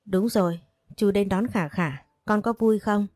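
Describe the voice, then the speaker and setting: A kind young man who talks gently and wants to help, as a woman narrator reads his lines. The voice is warm and mellow. The audiobook sound is dry and close. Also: medium pitch, fairly even intonation, a little slow, no echo, natural voice. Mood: gentle.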